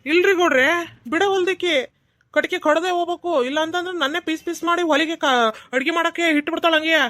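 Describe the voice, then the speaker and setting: A woman's voice: extremely high pitch, steady tone, fast talker, a bit bright, no room sound. A woman voicing a whiny, self-pitying village husband in a cartoon, with a North Karnataka Kannada accent. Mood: complaining. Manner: whining, self-pitying complaints. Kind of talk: cartoon voice acting.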